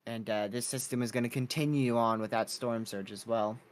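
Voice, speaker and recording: Male weather stream host, mid-pitched voice, casual and unscripted live storm updates. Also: steady tone, brisk.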